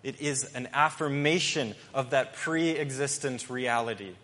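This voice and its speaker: A male pastor preaching an earnest, emphatic sermon with pauses and restarts. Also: medium pitch, fairly bright tone. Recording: long hall reverb.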